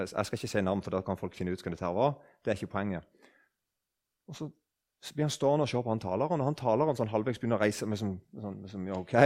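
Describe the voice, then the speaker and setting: A man in his sixties from southern Norway, telling a story in a conversational way, often restarting his sentences. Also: medium pitch. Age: 60s. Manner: animated, restarts sentences, acts out quoted speech. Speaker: speaker on faith.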